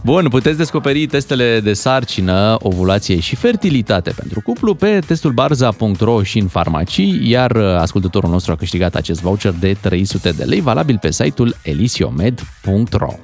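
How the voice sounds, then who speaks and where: A man hosting a morning radio show, his pitch rising and falling a lot as he chats and jokes with his co-hosts. Faint music plays under the talk. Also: hardly any pauses. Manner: animated, chatty, many fillers. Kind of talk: lively radio banter.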